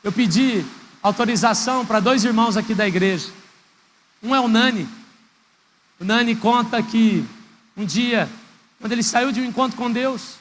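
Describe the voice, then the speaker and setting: A man preaching with a very high, bright, forceful voice that rings through a reverberant church hall. He leans on key words and stretches them out, building to loud, fervent cries. A faint hiss of rain sits underneath. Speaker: pastor. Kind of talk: sermon.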